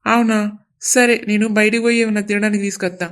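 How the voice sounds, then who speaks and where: A woman voicing a mild young husband who placates everyone in a flat, tired way. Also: mid-range voice, fast, close to an everyday voice. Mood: weary. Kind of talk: cartoon voice acting.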